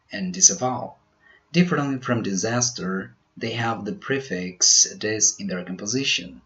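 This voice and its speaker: A man teaching pronunciation in a scripted quiz, slowly over-articulating each example word. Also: lowish voice, bright, forceful tone, lo-fi sound. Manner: slow, careful, over-articulated delivery of example words.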